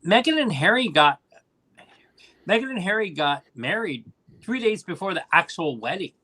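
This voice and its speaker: A man's voice: sits high, sing-song, moderate pace, sharp tone, slightly rough. A man co-hosting a casual gossip chat, joking and talking over the others. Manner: chatty, talks over others, joking asides. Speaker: co-host.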